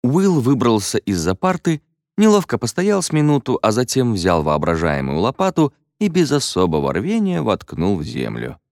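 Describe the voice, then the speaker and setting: A man narrating an audiobook in an expressive, playful storytelling manner. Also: mid-range voice, normal speed, dry recording, studio quality.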